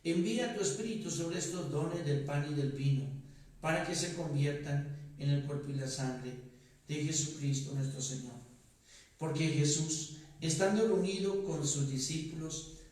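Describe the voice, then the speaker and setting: A man, a priest, celebrating Mass, singing and reciting prayers in a slow, measured way, with a cathedral echo around his voice. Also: fairly high pitch, a little mellow. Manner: slow, measured liturgical delivery, partly sung. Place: large church. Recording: echoey church, voice from far off the mic.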